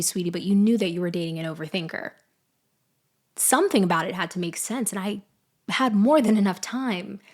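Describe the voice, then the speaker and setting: In a girlfriend ASMR-style dramatic roleplay monologue, a woman plays a betrayed, vengeful ex-girlfriend confronting the person who framed her. She taunts coolly, slow and deliberate and condescending, with sighs and pauses, in a natural mid-range voice that sounds bitter and probing.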